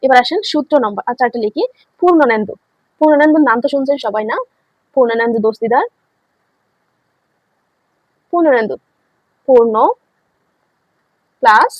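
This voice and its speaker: A woman's voice: sits high, darkish tone, no room sound, rough recording. A woman teaching a grammar lesson, asking questions and answering them herself, repeating key words. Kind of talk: online classroom lesson.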